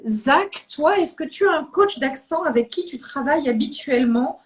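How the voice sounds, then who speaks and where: A woman's voice: sits high, expressive, moderate pace. A woman from Réunion hosting an interview and relaying viewer questions. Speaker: host.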